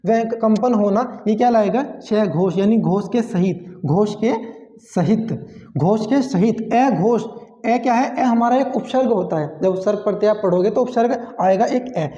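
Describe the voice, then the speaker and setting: A man's voice: high-pitched, normal speed, warm tone. Male teacher in echoing hall. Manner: explains step by step, asks and answers own questions. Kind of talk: classroom grammar lesson. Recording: dull sound with long hall reverb.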